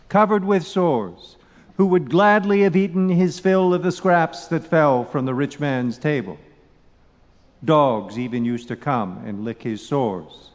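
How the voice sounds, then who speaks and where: A man reading the Gospel at Mass in a solemn, measured, formal way, his voice echoing as in a cathedral. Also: high-pitched. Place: large reverberant church. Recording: dull recording with long cathedral-like echo.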